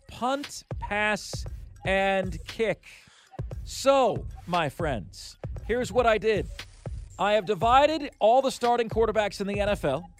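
An American man hosting sports radio, announcing countdown items in an emphatic, deliberate way and putting questions to his listeners. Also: high voice. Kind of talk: top ten countdown, sports radio commentary. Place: radio studio.

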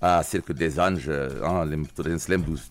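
A man's voice: rumbling low, quick pace. A man with a European Portuguese accent, hosting a radio sports segment in a playful, explanatory way.

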